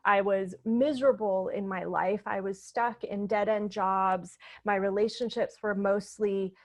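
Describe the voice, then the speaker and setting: A Puerto Rican coach and speaker tells her story earnestly and reflectively during a stage interview at a convention expo venue. Her voice is medium-pitched and steady, and she speaks unhurriedly.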